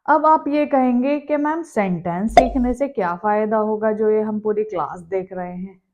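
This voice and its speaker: A woman teaching a grammar lesson in a lively, animated classroom way, acting out little everyday quotes. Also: mid-range voice, moderate pace, muffled recording, heavy background noise.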